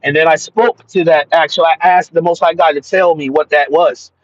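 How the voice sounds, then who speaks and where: A man with a slightly high voice talks through an informal spiritual lesson in an earnest, preachy way, often stumbling and restarting his sentences. The recording is dry and close, with a dull, muffled tone. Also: steady tone, fairly quick, no echo. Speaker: channel host. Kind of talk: informal spiritual teaching monologue.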